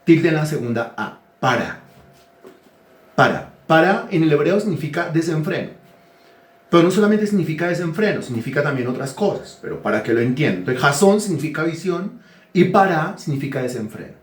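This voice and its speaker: A man's voice: a little high, lively intonation, a little fast, echoey room. A man preaching a teaching sermon, asking his listeners questions and telling them what to write down. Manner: asks the congregation questions and dictates words to write. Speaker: pastor.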